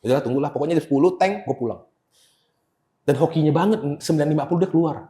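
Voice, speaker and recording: A man from Pontianak with an Indonesian accent, telling a story as a podcast guest, animated and swearing freely as he acts out quotes. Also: on the high side, fast. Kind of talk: casual storytelling chat.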